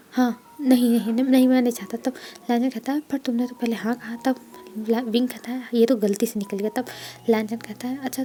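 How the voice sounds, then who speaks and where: Soft-voiced young woman narrating a story. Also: fairly high pitch. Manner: reads all parts herself, often in a soft whisper. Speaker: fanfiction narrator.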